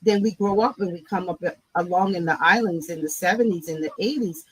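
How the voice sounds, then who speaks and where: A woman's voice: fairly low pitch, a little fast, slightly rough, no echo, rough recording. A woman from Barbados, a guest speaking reflectively in an interview and often asking "right?". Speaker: guest, nonprofit CEO. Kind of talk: conversational interview.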